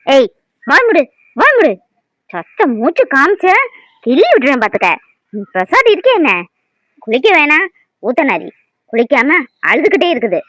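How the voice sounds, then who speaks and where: A woman voicing a bossy young mother in a cartoon who scolds and threatens in loud bursts. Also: high-pitched, very animated, normal speed, long pauses, dry recording, rough recording. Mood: scolding.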